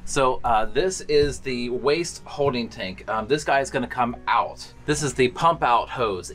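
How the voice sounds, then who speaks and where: A man in his thirties chats to his viewers while he unpacks and installs gear aboard a catamaran. His voice sits at an ordinary middle pitch and is picked up close by a camera, with faint music playing underneath. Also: a bit bright. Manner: chatty, talks to viewers while working with his hands. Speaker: boat owner vlogger. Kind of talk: casual vlog talk. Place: aboard a catamaran, partly in a small cabin.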